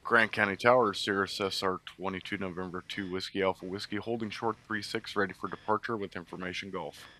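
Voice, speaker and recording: A man flying a simulated airplane, making brisk, businesslike radio calls in clipped aviation phrasing through a cockpit headset mic. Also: low-pitched, steady tone, sharp tone. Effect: pilot talking into a cockpit headset mic. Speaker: flight sim pilot making radio calls.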